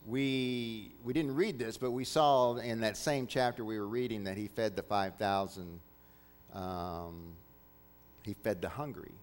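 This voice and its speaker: A man's voice: fairly low pitch, steady tone, unhurried, big-room sound. A man preaching a sermon as pastor, earnest and repeating key phrases for emphasis.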